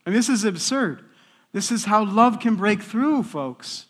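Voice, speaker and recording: A man studying for the priesthood, telling a lively story in church as a testimony talk. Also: high voice, measured pace. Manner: lively storyteller, animated quoted voices. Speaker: seminarian speaking in church.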